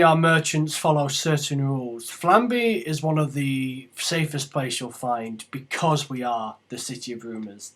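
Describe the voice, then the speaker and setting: A man voicing a gruff male city gate guard who is polite but suspicious as he questions travellers. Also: mid-range voice, fairly bright tone, close to an everyday voice.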